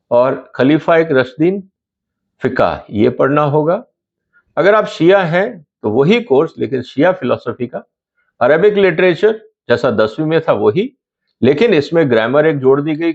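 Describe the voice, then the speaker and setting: A man's voice: medium pitch, dull audio. A middle-aged man hosting his own channel, giving explanatory commentary to camera and asking viewers pointed rhetorical questions.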